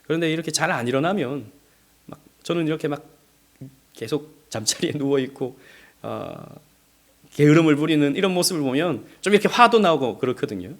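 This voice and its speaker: A middle-aged man from South Korea preaching a Sunday sermon as pastor, speaking gently and then building to emphatic stresses, sometimes acting out quoted lines. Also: on the high side, animated, a little fast. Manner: gentle, rising to emphatic, acts out quoted speech. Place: church sanctuary.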